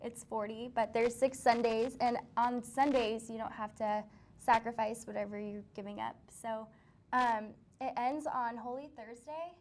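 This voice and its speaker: A woman's voice: on the high side, flat delivery, a little slow, a little mellow. Young woman, ums and easy laughs. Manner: hesitant, many ums, laughs easily. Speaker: student producer and co-host. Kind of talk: casual interview chat.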